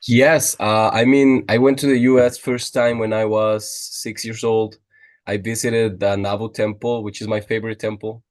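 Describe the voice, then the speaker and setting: Young man, low voice. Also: normal speed. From Costa Rica. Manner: restarting, filler-heavy, lively. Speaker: podcast guest. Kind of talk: casual chat.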